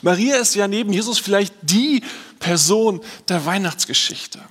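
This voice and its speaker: A man's voice: high-pitched, expressive, normal speed, a bit bright, breathy edge, big-room sound. A man preaching a sermon as pastor, earnest and reflective, posing rhetorical questions to his listeners.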